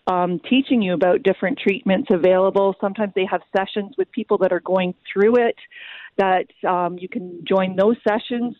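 A Canadian woman in her forties, appearing as an interview guest, speaks earnestly with many ums in a mid-range voice. The phone line is tinny, though there's no echo.

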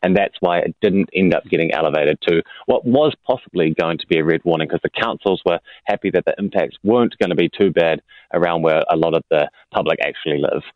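A man's voice: sits low, quick pace, no room sound, dull audio. A man with a New Zealand accent explaining the weather informally in a conversational radio interview. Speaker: weather forecaster.

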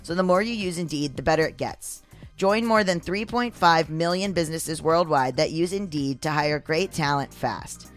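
Deepened by testosterone and slightly strained, this androgynous mid-pitched voice belongs to a podcast host reading scripted sponsor spots in a conversational way at normal speed, dropping in personal asides over music.

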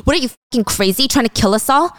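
A woman's voice: high voice, expressive, fast talker, a bit bright, pitched above the performer's own voice. A woman voicing an arrogant, domineering lawyer husband who barks curt orders, in a drama recap. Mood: commanding.

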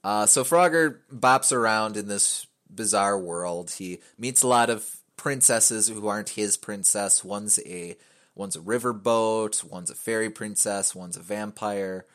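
A man's voice: lowish voice, measured pace, fairly bright tone. A man hosting a casual podcast chat about a video game, wry and rambling, with a lot of fillers and restarts. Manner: wry, joking. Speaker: podcast host.

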